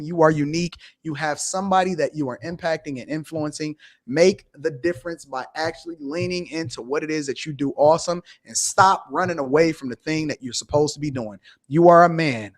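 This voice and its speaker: A male guest giving a motivational speech, exhortative and repetitive. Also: a little high.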